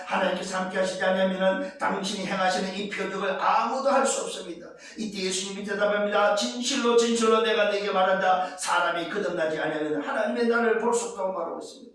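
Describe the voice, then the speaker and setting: A male pastor preaching a sermon, asking rhetorical questions, repeating his points and rising to shouts at the climaxes. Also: high voice. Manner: rhetorical questions and emphatic repetition. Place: church sanctuary. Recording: very echoey church sanctuary, distant mic.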